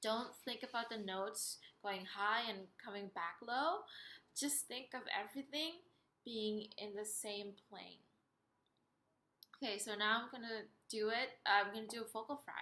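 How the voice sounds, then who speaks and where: Slow-paced woman singing teacher, bright voice. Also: on the high side. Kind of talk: instructional vocal lesson, explaining step by step. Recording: roomy, echoey sound.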